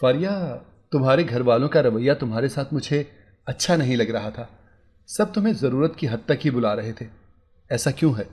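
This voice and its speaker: A man voicing a worried, gentle young husband. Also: mid-range voice, expressive, normal speed, natural voice. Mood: earnest. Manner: anxious musing, soft coaxing. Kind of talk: storybook character voice.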